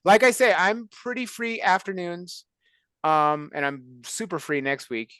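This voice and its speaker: A man's voice: sits high, a little slow, a bit bright, clear, resonant tone, dry recording. A man hosting a casual chat on a video call, joking and rambling. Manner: joking, rambling, self-mocking. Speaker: show creator and host of the call.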